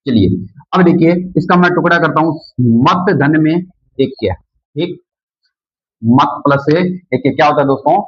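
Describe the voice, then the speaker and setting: A man's voice: a little high, a little slow, husky. A man teaching a grammar lesson, repeating each key word back as a question to his students. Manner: calls students "friends" often. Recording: dull lo-fi sound.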